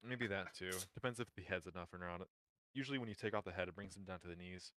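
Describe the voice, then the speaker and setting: A man with a fairly low voice chatting with friends during a gaming session. He talks animatedly, spinning up how the characters will behave. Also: quick pace, a little hiss or hum, rough recording. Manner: animated storytelling about characters. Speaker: game player. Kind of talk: casual gaming chat.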